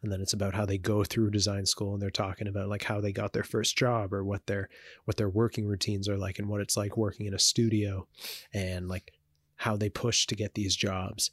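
A man's voice: lowish voice, little pitch movement, a little fast, dry recording. A man co-hosting a podcast in casual chat, rambling with many fillers and restarts. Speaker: podcast co-host.

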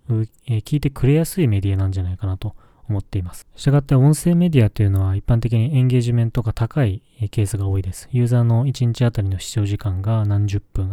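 A man's voice: fairly low pitch, warm tone, dry recording, studio quality. A man hosting his own solo podcast, speaking politely and with many hesitant fillers. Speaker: podcast host.

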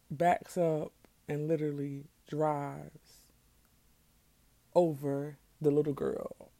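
A young woman talks through her solo podcast in an easy, conversational way, still carrying a groggy morning voice. Her tone is low and mellow with a gravelly edge, and her pace is slow and unhurried. The recording is dry and close. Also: no echo. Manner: chatty, loose and conversational. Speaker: podcast host. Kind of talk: casual solo podcast talk.

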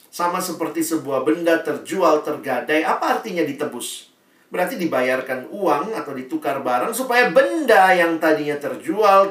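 A man preaching a lively sermon who acts out the characters in his illustrations with big swings of voice. His sound is roomy and echoey, as if he is a little way off the mic in a church hall. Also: on the high side, recorded from a distance. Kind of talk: sermon with storytelling.

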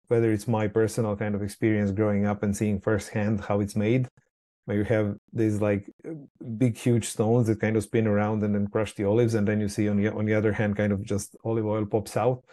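A man from Croatia speaks in a lowish, warm voice while being interviewed as the founder of a skincare company. He is casual and hesitant, with many word repeats and fillers.

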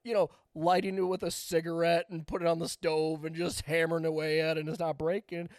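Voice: mid-range voice, level tone, fairly quick, darkish tone, no echo, clean studio sound. A podcast co-host telling a story in casual chat, rambling and swearing with laughing asides.

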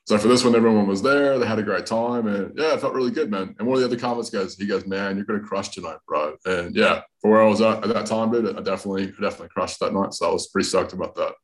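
A comedian from North Carolina, a man whose accent mixes Southern US and Australian, chats casually as a podcast guest. His voice is on the low side and he talks fast with few pauses, laid-back and saying "man" and "dude" a lot.

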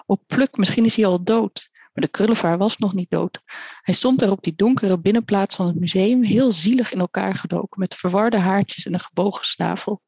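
Woman reading a kids' story out loud, mid pitch, dry close sound. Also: brisk, slightly rough, no echo. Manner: lively character voices. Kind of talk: reading a children's story aloud.

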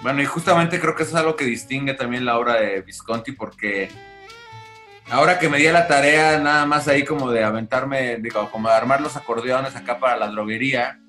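Bright-voiced man discussing film. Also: mid-range voice, brisk, faint music behind. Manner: reflective, hesitant restarts. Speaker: podcast co-host.

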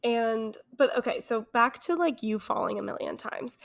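Young woman podcast host, a bit high, teasing storyteller, cracks up easily. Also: moderate pace, creaky. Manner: teasing storyteller, prone to laughing fits. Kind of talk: casual chat.

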